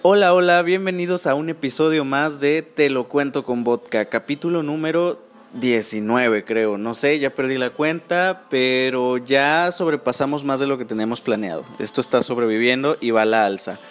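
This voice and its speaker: Soft background music accompanies a podcast host with a Mexican accent who gossips chattily and informally, frequently tacking tag questions onto his phrases. He has a mid-range voice and keeps a moderate pace.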